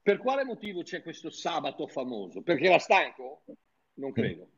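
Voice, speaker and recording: A man's voice: a little high, big pitch swings, normal speed, breathy edge. A man preaching in an informal, fervent teaching style, talking to his listeners like friends and often restarting his sentences. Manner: fervent, chatty, with frequent restarts. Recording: dull lo-fi sound.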